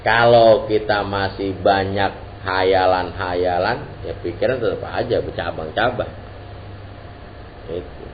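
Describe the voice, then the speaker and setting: A man's voice: deep voice, slow pace. Male teacher, informal sermon, muffled lo-fi recording with light hiss. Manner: casual Jakarta-slang preaching, lively and joking. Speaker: Islamic teacher. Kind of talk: informal religious lesson. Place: religious gathering hall. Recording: dull lo-fi recording with faint hiss.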